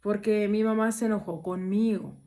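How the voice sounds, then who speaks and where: A woman's voice: medium pitch, steady tone, normal speed, mellow, close to an everyday voice. A woman quoting a sad lonely little girl. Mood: pleading. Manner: plaintive, pleading.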